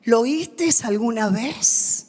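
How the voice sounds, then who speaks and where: A woman pastor preaching a sermon, calling out loud and then dropping suddenly to quiet asides. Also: a little high, lively intonation, slow, in a large hall. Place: church.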